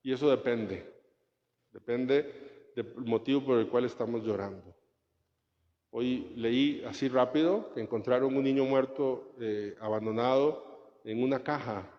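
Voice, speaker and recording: Priest preaching in a reverberant church. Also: male voice, medium pitch, unhurried. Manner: conversational preaching, tells anecdotes, asks rhetorical questions. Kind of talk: homily. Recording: muffled sound with long church reverb.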